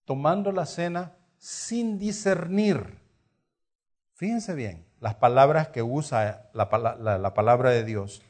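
Speaking slowly in a darkish, animated voice of medium pitch, this middle-aged Salvadoran man preaches in a conversational style. Rhetorical questions and repetition carry his teaching, and his accent is Salvadoran Spanish.

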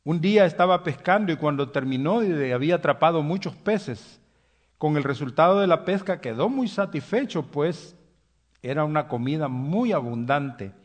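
A man preaching a sermon, pausing on fillers and restarts and dropping soft at the ends of lines, by his own account a hasty person. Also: fairly high pitch, animated. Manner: self-described hasty.

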